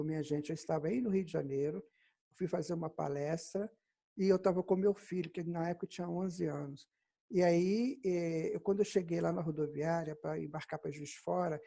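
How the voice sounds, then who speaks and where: A man with a Brazilian Portuguese accent giving a spiritual lecture, telling stories in an animated way and speaking directly to his audience. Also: sits high, creaky, slightly rough.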